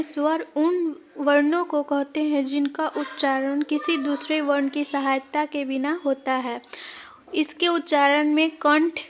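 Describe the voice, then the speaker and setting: Slow, high-pitched woman teaching grammar. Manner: slow, deliberate explaining, pointing to written examples. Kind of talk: exam-prep grammar lesson.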